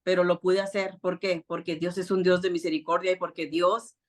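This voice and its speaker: A woman's voice: lowish voice, level tone, fairly quick. A woman with grown children giving an earnest church teaching, sharing personal testimony with frequent fillers and restarts. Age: adult with children. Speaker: preacher.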